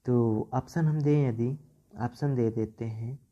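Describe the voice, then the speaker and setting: A man with a mid-range, dark-toned voice teaches a Hindi grammar lesson at a board, recorded in dull lo-fi sound. He goes slowly, spelling words out syllable by syllable and checking in with "ठीक" (okay) after nearly every point.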